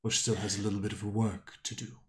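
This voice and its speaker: A man voicing a large, powerful lightning being in a tabletop game, with a deep rumbling, measured and solemn voice. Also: level tone, lightly acted. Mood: mildly chiding. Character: large hooded lightning being, calm, powerful, mildly chiding.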